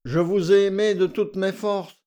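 A man voicing a timid, heartbroken young peasant girl who speaks softly and haltingly. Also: sits high, steady tone, smooth, voice pushed up. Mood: sad, pleading. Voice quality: soft, faltering.

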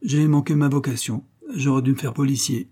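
A man voicing a pompous, doddering elderly gentleman who lectures his friend with boastful, self-satisfied reasoning in a storybook reading. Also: mid-range voice, fairly even intonation, brisk, husky, voice pushed up, close to an everyday voice.

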